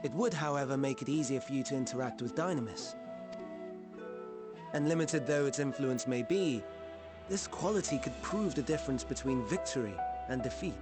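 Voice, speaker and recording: This game cutscene features a man with a mid-range voice at normal speed, lightly acting the part of a genteel old-world scholar. He explains in courtly, antiquated speech while music plays in the background.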